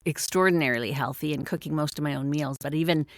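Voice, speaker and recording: A woman's voice: low voice, quick pace, dry recording, clean studio sound. A woman hosting a podcast, affirming and friendly, with frequent small laughs. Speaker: podcast host. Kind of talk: podcast interview and outro.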